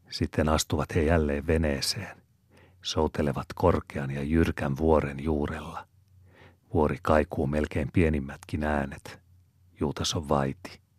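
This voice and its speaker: A male audiobook narrator reading a novel in a steady, measured way. His voice is extremely low and husky. The recording is close and dry. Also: no echo. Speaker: audiobook reader.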